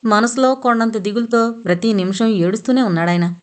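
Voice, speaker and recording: A woman narrating a dramatic audio novel in a steady reading voice. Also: on the high side, fairly quick. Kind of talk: scripted storybook narration.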